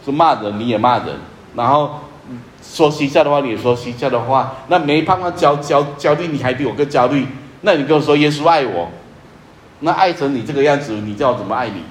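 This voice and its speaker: A man preaching a sermon as pastor, earnest and emphatic, repeating key phrases and often dropping to a soft, low voice. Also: brisk, reverberant, slight background noise.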